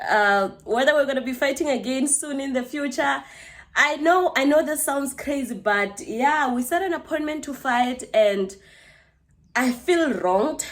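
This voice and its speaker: This South African woman in her twenties vlogs to camera, casually recounting a personal story. She's chatty, tossing in lots of asides to her viewers, and her voice sits at a medium pitch.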